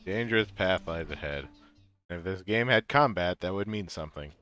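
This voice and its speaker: A man's voice: sits low, lively intonation, normal speed, fairly bright tone, clear, resonant tone, faint music behind. A man co-hosting a gaming show with casual commentary as he plays. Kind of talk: casual let's play commentary.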